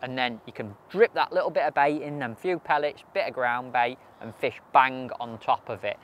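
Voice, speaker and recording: A man's voice: mid-range voice, moderate pace, a bit bright, a little hiss or hum. A man in his thirties, a match angler, chatting practically through fishing tips while seated outdoors by a lake.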